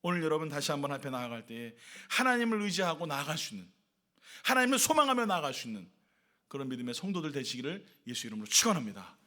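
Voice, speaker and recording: A man preaching with a high, sharp, bright voice that swings widely up and down. He presses his points with rhetorical questions and repeated lists, the way a pastor delivers a Sunday sermon to his church. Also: very animated, quick pace. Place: church worship service.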